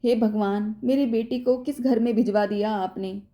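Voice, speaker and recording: A woman's voice: fairly high pitch, steady tone, moderate pace, warm tone, natural voice. A woman voicing a middle-aged mother, anxious and indignant on her daughter's behalf. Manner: anxious, then outraged.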